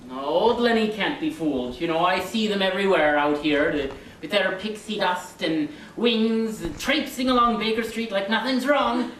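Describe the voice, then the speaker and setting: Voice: mid-range voice, normal speed, hardly any pauses, fairly bright tone, natural voice. A sly, boastful little leprechaun, put on by a performer, talking in a playful lilt on a comedy interview. His voice sounds distant in an echoey room with faint noise behind it. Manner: cheeky, sly, rambling, fond of wordplay. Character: boastful mischievous little male Irish leprechaun. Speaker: interview guest.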